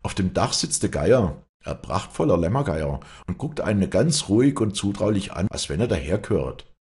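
A man's voice: low-pitched, very animated, normal speed, darkish tone, pitched above the performer's own voice. A man voicing a grumbling Bavarian young hunter. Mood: agitated. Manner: irritable, grumbling.

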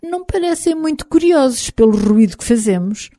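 A woman with a European Portuguese accent voicing a calm, commanding Highland man who leads a band of smugglers, in an audiobook. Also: moderate pace. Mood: calm, wry. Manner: quiet, even-tempered, lightly wry. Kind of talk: audiobook character voice.

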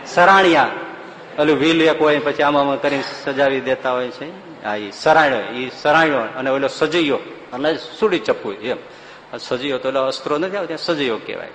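A man's voice: mid-range voice, normal speed, fairly bright tone. A man giving a devotional discourse, telling stories animatedly and breaking into sung verses. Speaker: spiritual discourse speaker. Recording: echoey hall with faint ambience.

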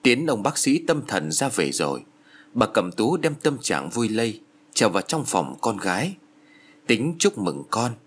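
A man's voice: lowish voice, very animated, unhurried, husky. A man narrating a spooky audiobook with dramatic storytelling.

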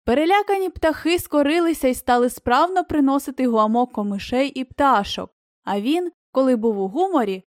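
A woman's voice: on the high side, no echo. Woman narrating an audiobook, dry sound. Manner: even storytelling reading. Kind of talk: scripted narration.

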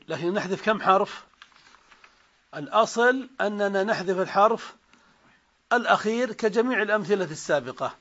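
A man giving a classical Arabic grammar lecture, slowly spelling out examples and reciting verses. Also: sits high, fairly bright tone. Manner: slow, deliberate dictation of examples and verses. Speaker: grammar teacher. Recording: dull lo-fi lecture recording.

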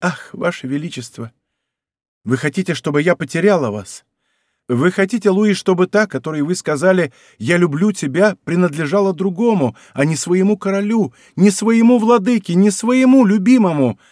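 A man's voice: high-pitched, moderate pace, a little mellow, dry recording, studio quality, pitched above the performer's own voice, lightly acted. A man voicing an impassioned young noblewoman who pleads with her royal lover in an audiobook. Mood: imploring. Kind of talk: audiobook character reading.

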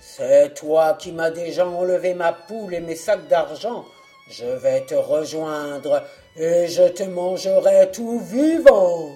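A woman reading aloud and voicing a huge, furious male giant who roars slowly and with menace in a storybook. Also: rumbling low, little pitch movement, warm tone, soft background music, voice pushed down, full character voice. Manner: roaring, slow and menacing.

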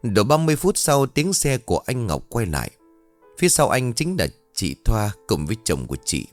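A man narrating a ghost story in a dramatic, expressive storytelling style. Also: medium pitch, moderate pace, dry recording, soft background music.

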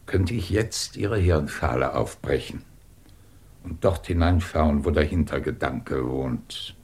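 A man with a very deep, slightly mellow voice speaks slowly as a middle-aged British professor heading a research department, imperious and sardonic. Styled after a 1950s German radio drama, his delivery is commanding, clipped, probing and intense.

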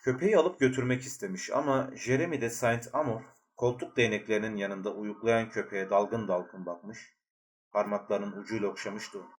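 A man narrating a literary novel as an audiobook, with a measured, even storytelling delivery. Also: on the low side, slightly rough.

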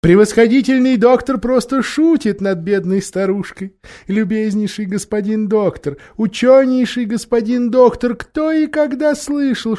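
A man voicing a flattering old hag woman in a thin, whining voice. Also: extremely high pitch, pitched above the performer's own voice. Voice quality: thin wailing voice. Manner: fawning, wheedling.

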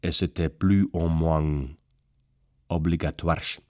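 A man voicing a courteous, dignified Ottoman gentleman, speaking slowly and deliberately. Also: very deep voice, fairly even intonation, no room sound, clean studio sound. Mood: nonchalant. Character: suave middle-aged Ottoman gentleman, courteous.

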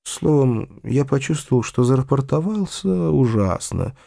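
A man reads classic fiction aloud with a lively, varied lilt. The recording is dry and close, with no room around the voice. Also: medium pitch, unhurried, gravelly, no echo. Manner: expressive, hesitant in first-person dialogue. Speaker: narrator. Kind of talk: audiobook reading of classic fiction.

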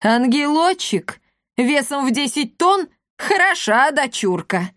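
A woman reading a story aloud, voicing a loud, bullying middle-aged female commandant who shouts and mocks. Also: moderate pace, no room sound, clean studio sound, close to an everyday voice. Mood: scornful. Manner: shrill, shouting, mocking.

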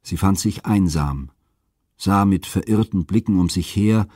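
A man narrating classical myths as an audiobook reader, with a steady, expressive delivery. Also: deep voice, a little slow, husky, dry recording, studio quality.

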